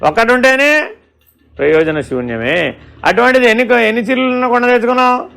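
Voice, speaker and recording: Male spiritual teacher, high-pitched and gravelly, questioning, storytelling discourse. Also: expressive, a little fast, sharp tone, soft background music. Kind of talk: Vedanta discourse.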